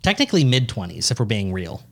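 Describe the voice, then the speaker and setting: Teasing young man podcast co-host. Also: fast. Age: 20s. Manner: teasing, laughs often, voice jumps high when excited. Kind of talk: casual podcast banter.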